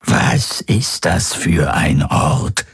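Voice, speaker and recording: A man voicing a male alien telepath who murmurs slowly in a whisper-like voice. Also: extremely low pitch, expressive, creaky, slightly rough, dry recording, studio quality, full character voice. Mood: murmuring. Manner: slow, murmuring.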